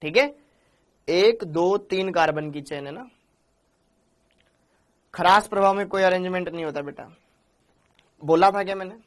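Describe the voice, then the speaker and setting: A man's voice: high-pitched, unhurried, long pauses. A man teaching chemistry in a live online class, chatty and repetitive, calling his students beta and praising them by name. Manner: chatty, calls students beta, repeats answers.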